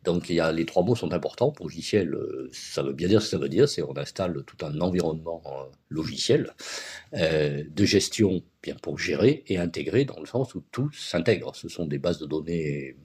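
A man's voice: a bass voice, lively intonation, moderate pace, darkish tone. A man being interviewed as a guest on a podcast, explaining things step by step with concrete examples. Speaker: guest, agency founder.

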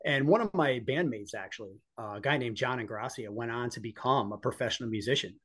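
Speaking fast, this northeastern American man in his forties shares personal stories in a conversational way as a podcast interview guest. He is a police officer who used to be an EMT. His mid-range voice has a fairly bright tone with a slight roughness.

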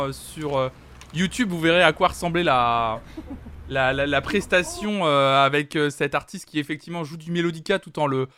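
A man's voice: high voice, fairly bright tone. Hesitant chatty man hosting a stream. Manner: hesitant, filler-heavy, chatty. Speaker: streaming music show host. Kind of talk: casual live-stream commentary.

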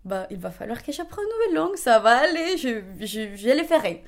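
A young woman in her twenties from Colombia, speaking French with a Colombian Spanish accent, telling her story in an animated way with frequent restarts and laughter. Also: fairly high pitch, a little fast. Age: 20s. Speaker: interviewee. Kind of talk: conversational testimony.

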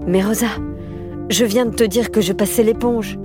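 A woman's voice: mid-range voice, steady tone, normal speed, over loud music, close to an everyday voice. A woman voicing a fierce, protective aunt who is loving but stern, speaking firmly and with emphasis. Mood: tender firm. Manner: firm, emphatic.

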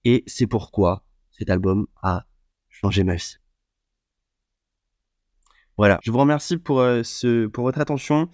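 A man's voice: mid-range voice, fairly even intonation, a little slow, long pauses, darkish tone, no room sound, studio quality. A man hosting a solo podcast, talking without a script and hesitating often, with many fillers and restarts. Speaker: podcast host. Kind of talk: unscripted solo podcast talk.

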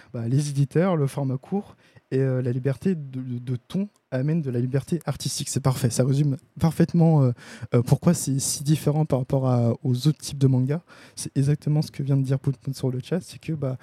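A man's voice: medium pitch, mellow, slightly rough, no echo. A man hosting a casual live-stream comics review, talking with many fillers and restarts.

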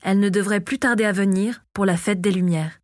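A woman narrating a fantasy audiobook in a calm, measured storytelling manner. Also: medium pitch, dry recording, studio quality. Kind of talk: scripted narration of a fantasy novel.

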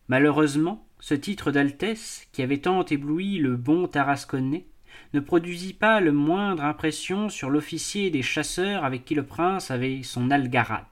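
A man narrating a classic novel as an audiobook, with a measured, expressive reading. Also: on the high side. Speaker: audiobook reader. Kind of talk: scripted narration.

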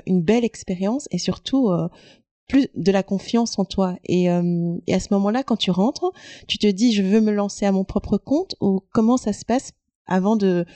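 A woman's voice: medium pitch, dark tone, no echo. A woman podcast host interviews a guest remotely, asking hesitant questions with many fillers and restarts.

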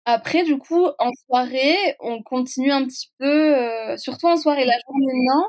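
A woman's voice: high-pitched, moderate pace, darkish tone. A young woman from France, a podcast guest, telling a personal story in a chatty way, full of fillers and little asides to the listener. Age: young adult. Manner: chatty, peppers speech with "tu vois" and fillers.

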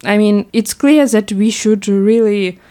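A woman's voice: medium pitch, a little slow, mellow. A woman from Ukraine, a podcast guest, talking earnestly and searching for her words. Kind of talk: discussion.

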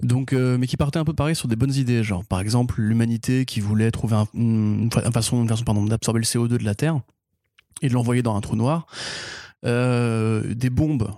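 Talkative podcast co-host, warm voice. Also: male voice, mid-range voice, fairly even intonation, brisk, no echo, clean studio sound. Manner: talkative, explains at length with fillers. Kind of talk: casual podcast chat.

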